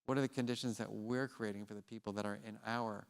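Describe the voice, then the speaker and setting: A man and scientist giving a keynote on a large theater stage, telling stories in an animated, casual way. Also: on the low side, fast, creaky, clear, resonant tone. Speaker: keynote speaker. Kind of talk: conference keynote with storytelling. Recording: long hall reverb in a theater.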